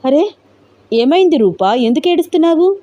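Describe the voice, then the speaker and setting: A woman's voice: high-pitched, lively intonation, moderate pace, dark tone, lo-fi sound, voice pushed up. A woman voicing a young woman, an anxious friend who keeps pressing with worried questions in a storybook tale. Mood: puzzled.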